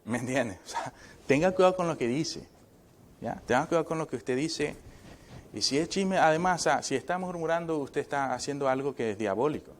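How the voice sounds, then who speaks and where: A man's voice: fairly high pitch, expressive, fairly quick, a little hiss or hum. A man, a pastor, preaching a conversational sermon in a church. He keeps checking in with the congregation through short tag questions and slips in joking asides.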